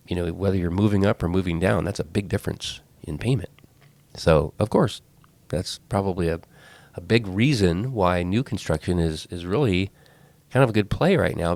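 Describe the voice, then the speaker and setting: A podcast host with a head cold talks casually, his voice low, a little mellow and clogged with congestion, with no room sound. He rambles and keeps correcting himself, restarting often.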